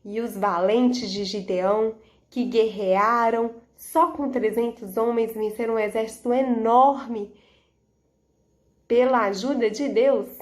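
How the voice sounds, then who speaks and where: A woman's voice: on the high side, steady tone, slow pace. A Brazilian woman speaking like a kids show host, teaching a children's Bible lesson with simple repeated questions and emphatic key words.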